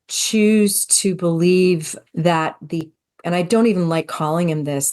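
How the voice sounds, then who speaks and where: Middle-aged woman, deep voice, earnest, storytelling, podcast co-host. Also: darkish tone, clean tone. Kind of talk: conversational podcast discussion.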